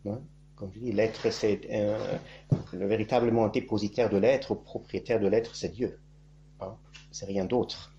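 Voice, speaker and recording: A priest-monk, a native German speaker, giving a spoken catechesis in a halting way, searching for words and tagging phrases with "hein". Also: male voice, on the low side, fairly even intonation, dark tone, muffled recording, slight background noise.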